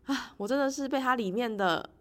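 A woman's voice: a little high, a little fast. A woman podcast host talking casually and expressively in a personal monologue, sharing her own reactions. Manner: laughs often while talking.

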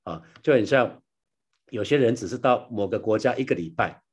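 A man giving a devotional Bible teaching, often repeating his phrases and adding soft tag particles. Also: mid-range voice, normal speed, slightly rough. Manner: repeats phrases, ends lines with soft 哈 and 啊 tags; addresses listeners as brothers and sisters. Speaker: pastor sharing a daily devotional.

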